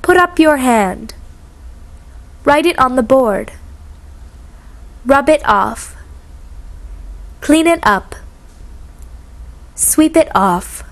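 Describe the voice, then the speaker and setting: Slow, high-voiced woman reading commands. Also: expressive. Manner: slow, clearly articulated, pausing after each phrase. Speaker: English instruction reader.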